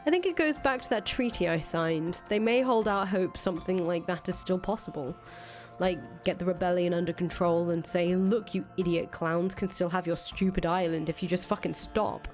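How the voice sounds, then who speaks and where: In a visual novel, a woman acts out a cynical, foul-mouthed rebel leader who has been ousted, musing aloud in casual, profane speech. Her fairly low, slightly mellow voice sounds natural and moves at a normal pace, wry and brooding. Music plays beneath her.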